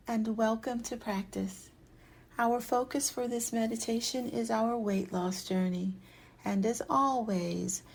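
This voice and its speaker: A woman with a mid-range voice guides a yoga nidra meditation, speaking softly and soothingly in hushed tones that often slip into a breathy whisper.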